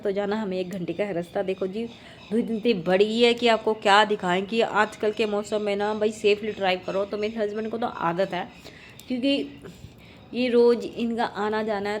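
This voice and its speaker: A chatty woman in her thirties talks through her family's day like a home vlog, at a middle pitch for a woman. A faint hum of background noise sits under her voice. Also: steady tone, moderate pace. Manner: chatty, narrates family moments, frequent "जी". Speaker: family vlogger. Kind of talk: casual vlog narration.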